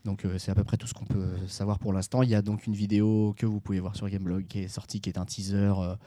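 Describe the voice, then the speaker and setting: A man with a low, mellow voice co-hosting a podcast. He explains at length and hesitates a lot. The sound is dry. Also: level tone, quick pace, dry recording. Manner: hesitant, many fillers. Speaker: podcast co-host. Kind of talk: casual group chat.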